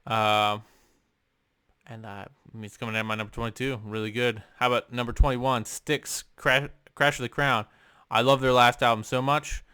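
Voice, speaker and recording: Young male vlogger, bright and crisp, rambly casual delivery, dry close sound. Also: mid-range voice, flat delivery, moderate pace, no echo. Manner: rambling, many ums and uhs, casual swearing. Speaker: music vlogger. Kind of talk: casual album ranking chat. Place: home room.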